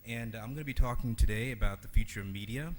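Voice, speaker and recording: A man's voice: mid-range voice, fast talker, slight background noise. A man from Sri Lanka giving an earnest conference talk, with many fillers and restarts. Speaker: conference keynote speaker.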